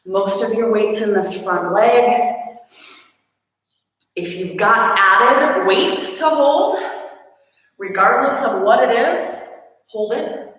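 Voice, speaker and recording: Slow-talking woman fitness coach in an echoey room. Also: fairly high pitch, fairly bright tone. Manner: upbeat coaching, counts reps aloud, jokes about her own effort. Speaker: fitness instructor. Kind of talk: leading a live workout class. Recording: echoey room with long reverb.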